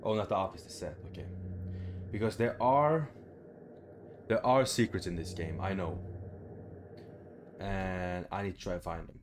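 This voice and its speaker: A young man hosts a gaming video from a small room indoors at home, giving casual, informal let's play commentary, thinking aloud and swearing as he plays. His voice is low-pitched, with noise in the background.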